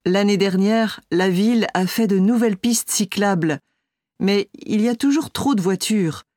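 A woman's voice: medium pitch, measured pace, darkish tone, no echo, studio quality, lightly acted. A woman playing a composed architect. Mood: calm. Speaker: architect being interviewed. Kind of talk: scripted exam listening dialogue.

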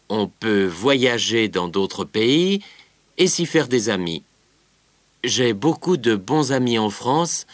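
An easygoing bilingual schoolboy for a language course. His voice sits a little low, and the pace is slow and relaxed. The recording is dry and close. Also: dry recording. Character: easygoing French-English teenage boy.

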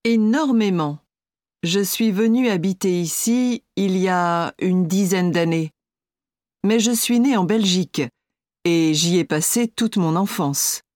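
A woman playing an architect in a scripted listening-exam interview, speaking clearly and steadily. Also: on the low side, takes it slowly, a little mellow, no room sound, clean studio sound. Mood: calm. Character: adult woman architect, friendly and composed.

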